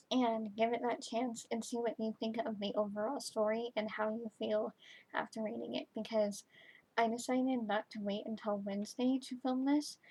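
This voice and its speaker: A woman giving a chatty, informal book review to camera, halting and often trailing off mid-thought. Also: a little high, husky, poor audio. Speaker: book reviewer, video host.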